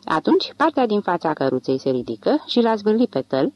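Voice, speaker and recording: A woman narrating a literary audiobook with an expressive, dramatic reading. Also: mid-range voice, muffled recording.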